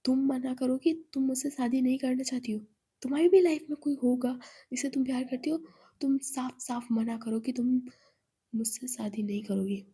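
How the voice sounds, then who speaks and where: A woman's voice: high voice, fairly even intonation, moderate pace, dark tone, breathy edge. A woman voicing a heartbroken young woman who pleads in an urgent, half-whispered voice. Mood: pleading.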